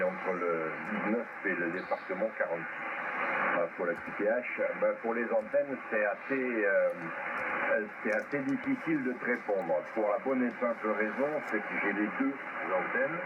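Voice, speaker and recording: A man with a voice on the low side talks unscripted about technical matters as an amateur radio operator, hesitating and repeating words for emphasis. It comes through a radio transceiver microphone as a ham radio transmission over a very noisy, narrow-band link.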